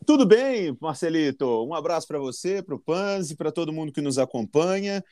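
A man's voice: a little high, animated, normal speed, dark tone, dry recording, clean studio sound. A Brazilian man giving opinions on football in a casual podcast chat.

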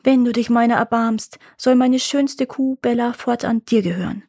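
A woman's voice: a little high, moderate pace, creaky, mellow, dry recording, studio quality. A woman voicing an impatient, harried male farmer driving his cows through snow in a storybook reading. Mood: pleading. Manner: urging, exclaiming.

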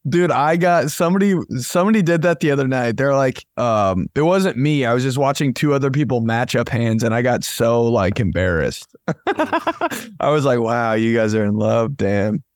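A man's voice: medium pitch, big pitch swings, moderate pace, no echo. A young man co-hosting a casual podcast from a home studio, joking crudely and swearing a lot, a little congested. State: congested with phlegm. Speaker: podcast co-host. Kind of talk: casual chat. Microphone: over-ear headphones and studio mic.

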